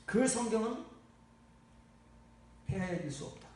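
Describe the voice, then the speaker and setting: Man, pastor, sermon, high voice, blunt scolding tone, loud swings, echoey hall, far from mic. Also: slow pace. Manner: lively, shifts from low muttering to loud exclaiming. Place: church.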